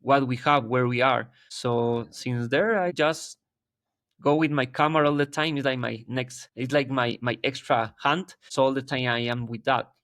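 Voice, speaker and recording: A man's voice: medium pitch, moderate pace, fairly bright tone, dry recording, clean studio sound. A man in his thirties from Ecuador with an Ecuadorian Spanish accent, a guest talking in a casual interview, earnest and hunting for his words as he goes. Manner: earnest, searching for words, frequent restarts. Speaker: guest wildlife photographer.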